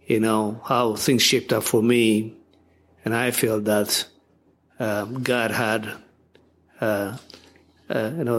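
Older man, reflective storyteller. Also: medium pitch. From Ethiopia. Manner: reflective, halting with fillers. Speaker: guest. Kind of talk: interview storytelling.

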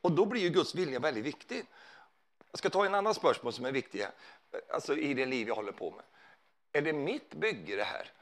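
A man's voice: mid-range voice, big pitch swings, fairly bright tone. A man preaching a sermon in a conversational way, often putting questions to his listeners.

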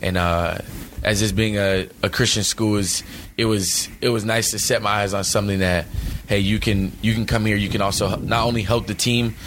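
A young man, a college freshman running back, answering interview questions in a halting way, full of fillers and restarts. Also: lowish voice, fairly even intonation, background noise. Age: young adult. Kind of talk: post-game interview.

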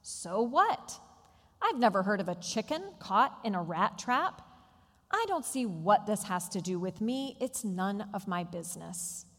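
Lady doing a snippy hen voice, a bit higher, shrugging it all off, slow, echoey church sound. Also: big pitch swings, a bit bright. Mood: dismissive. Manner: brushing off, indifferent. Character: self-centered dismissive farmyard hen.

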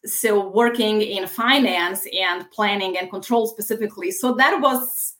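A woman's voice: medium pitch, unhurried, fairly bright tone. Woman in her thirties from Bosnia, friendly career coach guest, easygoing answers. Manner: friendly, laughs easily, hesitant restarts. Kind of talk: casual interview answers.

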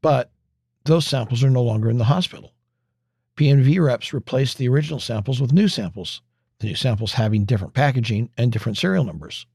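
A man's voice: medium pitch, animated, fast, gravelly, a little mellow, breathy edge, dry recording, clean studio sound. A man hosting a podcast, recapping a TV episode in a wry, conversational way with asides. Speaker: podcast host.

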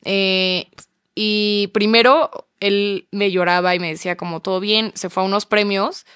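A woman's voice: medium pitch, measured pace, clean tone, no echo, clean studio sound. A young Mexican woman in her twenties, a podcast guest telling a story in casual chat and acting out the quoted lines. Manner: animated, acts out quoted dialogue.

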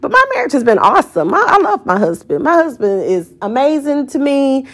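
Her voice is high, sing-song and fairly bright, and she talks fairly quickly. She's an American-accented podcast host in her forties, speaking in an unscripted, candid, colloquial personal monologue.

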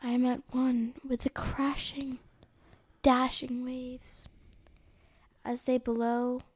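Hosting a read-along, a woman with a fairly high, level voice reads a picture book aloud. She goes very slowly and haltingly, backing up over words as she reads.

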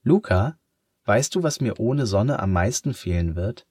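Mann spielt einen ernsthaften kleinen Jungen. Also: male voice, lowish voice, animated, unhurried, a little mellow, breathy edge, no echo, studio quality, pitched above the performer's own voice. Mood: earnest. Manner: earnest, lifted voice. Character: earnest young boy, Helena's brother.

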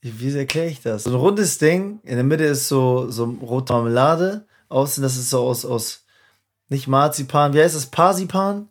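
A young man co-hosting a casual podcast, relaxed and slangy, often searching for the right word. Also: medium pitch, moderate pace. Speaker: podcast co-host.

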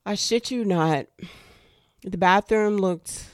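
A woman's voice: mid-range voice, takes it slowly, dry recording, studio quality. A woman hosting her own show, telling a story in a frank, profane and exasperated way. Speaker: show host. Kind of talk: casual storytelling.

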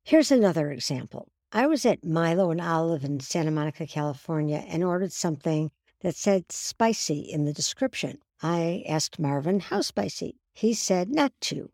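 A woman's voice: low-pitched, normal speed, few pauses, no echo, clean studio sound. A middle-aged woman host telling a story in a monologue and acting out the dialogue in it. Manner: animated, acts out dialogue in her stories. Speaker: host and coach.

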